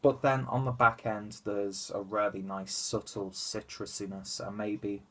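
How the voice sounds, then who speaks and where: Here the congested young man's nasal voice sits lowish and fairly bright, with little pitch movement and a slightly slow pace. He's chatting casually through a beer review on a webcam in a small room at home, rambling with fillers and asides.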